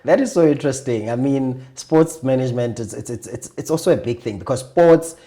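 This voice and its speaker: South African male talk host, mellow tone, thoughtful and curious interviewer. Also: mid-range voice, brisk. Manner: thoughtful, warmly curious questioning. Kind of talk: casual interview chat.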